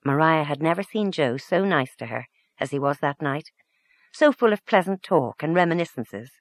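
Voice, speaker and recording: Audiobook narrator, steady mid-range voice, gentle storytelling pace, dry close sound. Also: medium pitch, moderate pace, no echo. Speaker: audiobook reader. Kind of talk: scripted narration of a literary short story.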